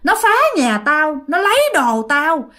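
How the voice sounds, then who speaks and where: A woman voicing a centuries-old male ghost who shouts threats in a very old-sounding voice. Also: sits high, very animated, measured pace, voice pushed up, full character voice. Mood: furious. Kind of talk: told ghost story.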